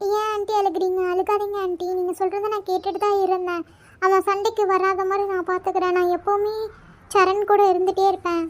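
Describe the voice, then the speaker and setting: A woman's voice: high-pitched, moderate pace, close to an everyday voice. A woman voicing chatty, teasing young college girl friends in a cartoon. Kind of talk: cartoon voice acting.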